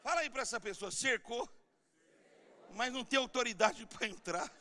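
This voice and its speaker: A man's voice: extremely high pitch, normal speed, pushed and bright. A male pastor preaching a fervent sermon, leading the congregation in repeated declarations. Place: church hall. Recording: live church hall with long reverb.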